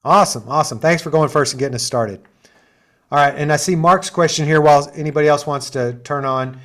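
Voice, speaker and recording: Chatty man, slightly high voice. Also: quick pace, fairly bright tone. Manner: chatty, enthusiastic, many asides and fillers. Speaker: assistant dean hosting an info session. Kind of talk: conversational Q&A on a video call.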